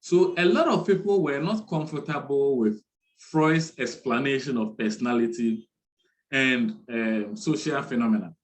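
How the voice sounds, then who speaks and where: Brief: male lecturer, measured and unhurried, repeats key terms, online class. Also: medium pitch, rough recording.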